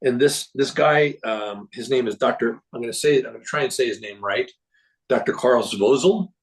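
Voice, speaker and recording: A man giving a casual, rambling recap of a symposium to a group, often clearing his throat and restarting sentences. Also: medium pitch, normal speed, poor audio. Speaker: presenter reporting on a symposium.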